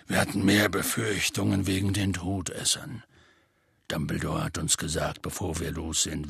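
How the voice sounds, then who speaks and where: A man voicing a huge, gruff half-giant gamekeeper in an audiobook, telling his story in a rough, folksy way. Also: sharp tone, no echo, exaggerated voice. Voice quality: deep and gravelly. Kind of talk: audiobook character voice.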